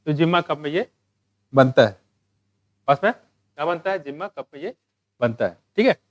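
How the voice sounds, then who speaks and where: High-voiced man teaching biology. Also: animated, no echo. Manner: asks and answers his own questions, reads English textbook lines slowly. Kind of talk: exam-prep lecture.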